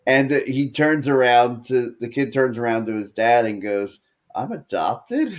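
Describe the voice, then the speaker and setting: A man's voice: mid-range voice, measured pace. A man co-hosting a casual wrestling podcast, retelling matches with lots of fillers and restarts. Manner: animated storytelling with frequent fillers and restarts. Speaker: podcast co-host.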